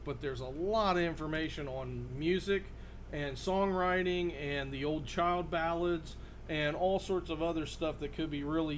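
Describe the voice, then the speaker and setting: Guy doing a casual magic demo on camera, kinda halting, voice a bit high, some noise behind him. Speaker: magician and performer presenting his card trick. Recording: noticeable background noise.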